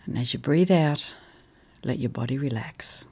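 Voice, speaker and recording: A meditation guide leading a guided meditation in a calm, soft delivery with long pauses, sometimes dropping into a soft whisper. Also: mid-range voice, vocal fry, slightly rough.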